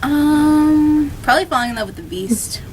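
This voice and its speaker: A teenage girl, a high school actor, chatting animatedly in a casual interview. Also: animated, moderate pace, background noise. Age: teens.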